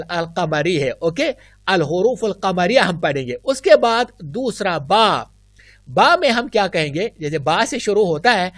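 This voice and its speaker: A woman with a Kashmiri accent teaching an online Arabic lesson, drawing out each example word slowly and carefully. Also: on the high side, fairly bright tone, dry recording, clean studio sound. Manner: slow, careful, drawn-out example words.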